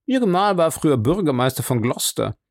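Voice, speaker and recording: Man voicing a fussy hotel clerk, obliging, high voice, lively lilt. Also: brisk, no echo, studio quality. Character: polite hotel desk clerk.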